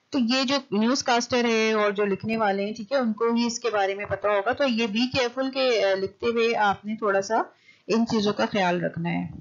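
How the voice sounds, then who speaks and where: A woman lecturer giving a recorded class. She reads English points out slowly and then explains them quickly, checking in with "okay" again and again. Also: mid-range voice. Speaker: university lecturer. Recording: dull lo-fi recording.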